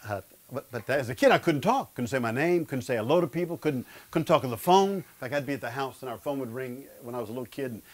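Animated and fast-talking, this man has a medium-pitched, darkish voice. In his fifties, he leads a men's Bible study and gives a comic sermon before a seated audience on an indoor studio stage, using a lapel mic. He jokes about his own stutter.

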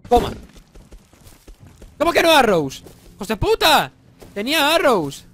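Brief: young adult male gamer, Spain accent, high and very animated, slightly stuffy from a cold, casual let's-play on a home mic with faint hiss. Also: a little slow. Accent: Spanish from Spain. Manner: excitable, swearing, joking, bursts into yells. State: slightly congested, sore throat. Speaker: gaming YouTuber.

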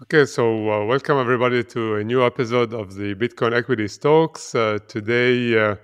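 A man's voice: medium pitch, brisk, clear, resonant tone, faint music behind. A man hosting a podcast interview over a video call, asking questions with many hesitant "uh" fillers. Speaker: podcast host. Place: office room, indoors.

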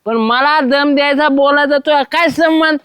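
A drunk, brash village debtor. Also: male voice, very high voice, steady tone, normal speed, dry recording. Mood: arguing. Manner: loud, brash, bickering. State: tipsy. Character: drunk quarrelsome village man dodging a debt. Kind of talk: village comedy web series.

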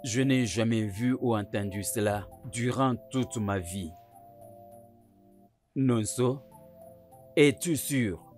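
A dub actor voicing a worried parent who questions a son slowly and reproachfully. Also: medium pitch, a little mellow, soft background music, close to an everyday voice. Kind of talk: dubbed film acting.

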